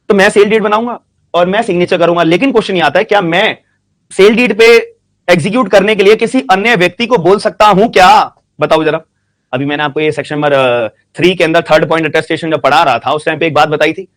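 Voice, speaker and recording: A man teaching a law class, speaking slowly and repeating questions and answers so students can write them down, with phrases. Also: fairly high pitch, a bit bright. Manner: slow dictation, repeats questions and answers, frequent "ठीक है" checks. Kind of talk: classroom lecture.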